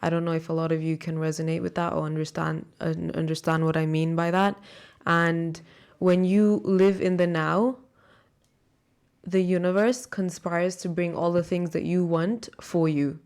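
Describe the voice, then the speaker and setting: A woman's voice: lowish voice, flat delivery, moderate pace, darkish tone, clear, resonant tone. A woman with a blended transatlantic accent, chatting earnestly and reflectively on the radio, checking that listeners follow her. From raised in Malawi, then Sharjah. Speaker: radio show guest. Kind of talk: casual, reflective radio chat.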